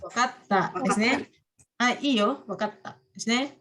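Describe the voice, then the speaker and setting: A woman's voice: a little high, measured pace, over a noisy crowd. Woman coaxing students through phrases. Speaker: Japanese language lecturer. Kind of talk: online university class.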